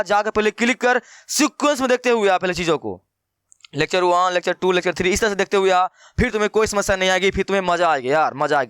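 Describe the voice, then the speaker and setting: A man's voice: high-pitched, fairly bright tone, smooth, no room sound, studio quality. A man teaching a math lesson in a playful, teasing way, talking straight to his students. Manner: teasing, acts out students' replies, addresses viewers as brother. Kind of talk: playful classroom lecture.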